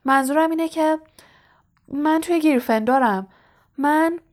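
A woman's voice: high-pitched, voice pushed up, close to an everyday voice. A woman reading the lines of an anxious, earnest teenage boy wizard in a storybook audiobook. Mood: earnest, worried.

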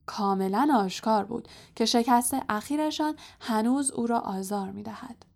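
A woman narrating an audiobook in a calm, soft storytelling voice. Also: a little high, vocal fry. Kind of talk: scripted narration.

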